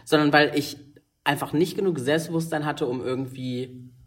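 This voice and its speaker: A man's voice: fairly high pitch, moderate pace. A young man talking openly and emphatically as a podcast guest, swearing now and then. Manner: emphatic, expressive, swears casually. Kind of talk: candid podcast conversation.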